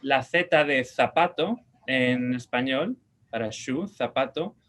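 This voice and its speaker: A man's voice: medium pitch, a bit bright. Spanish-man teaching a language lesson. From Spain. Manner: patient, repeats words slowly for pronunciation; checks in with short questions.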